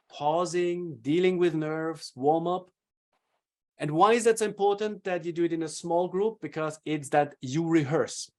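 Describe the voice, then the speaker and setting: A man speaking as a video presentation coach, answering interview questions in an energetic, emphatic way with shifting loudness. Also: a little high.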